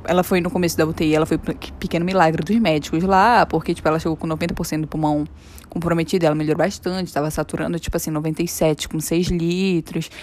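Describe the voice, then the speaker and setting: A woman's voice: deep voice, level tone, quick pace, a little mellow, a little hiss or hum. A young woman hosting her own podcast, talking alone in a rambling, jokey way that keeps interrupting itself, into an earphone mic. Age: young adult. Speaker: podcast host. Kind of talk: personal monologue podcast.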